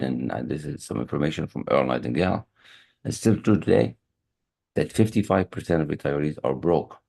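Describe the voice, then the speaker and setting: A man with an extremely low, creaky, slightly mellow voice coaches high performance in a motivational online lesson. He's in an online meeting room on a computer mic over a video call, speaking earnestly, restarting sentences and repeating key phrases.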